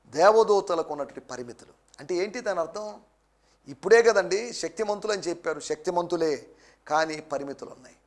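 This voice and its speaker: A male pastor preaching a sermon emphatically, repeating key lines slowly in English. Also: sits high, animated.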